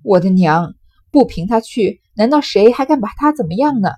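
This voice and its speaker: A woman voicing a resentful scheming concubine, husky and pleading. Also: mid-range voice, animated, normal speed, a little mellow, dry recording, natural voice. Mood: urgent. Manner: pleading, urgent, persuading.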